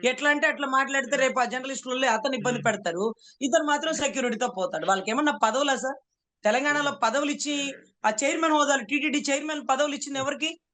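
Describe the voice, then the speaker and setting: In heated, rhetorical political commentary, a woman advocate with a Telugu accent keeps calling her interviewer "sir." She talks fast, her voice high and a bit bright.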